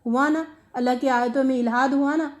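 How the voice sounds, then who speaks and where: A woman's voice: high voice, steady tone. A woman giving a religious lesson on Quran recitation, earnest and questioning, repeating phrases for emphasis and mixing in English words. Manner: mixes English words into speech. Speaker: Quran teacher. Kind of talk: religious lecture.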